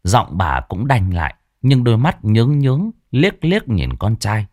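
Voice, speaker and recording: A man narrating a ghost story in an animated storytelling manner. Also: fairly low pitch, measured pace, no echo, clean studio sound.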